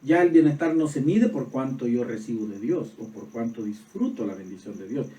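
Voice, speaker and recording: A man preaching a sermon as pastor, swinging from soft reflective passages to loud emphatic peaks. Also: mid-range voice, animated, moderate pace. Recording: roomy echo, voice from far off.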